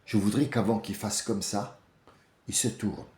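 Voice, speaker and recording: A man with an Algerian accent delivering an emphatic, rousing monologue to his viewers, swinging between loud outbursts and low asides. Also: steady tone, measured pace, roomy sound, slight background noise. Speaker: vlogger. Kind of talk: impassioned monologue to camera.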